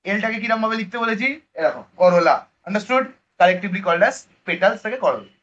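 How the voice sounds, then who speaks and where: A man with a Bengali accent teaches a biology lesson in a high voice. He fires questions at his students, answers them himself and keeps mixing English terms into casual talk. The recording sounds dull and lo-fi. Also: lively intonation, brisk, fairly bright tone. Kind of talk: online class lecture.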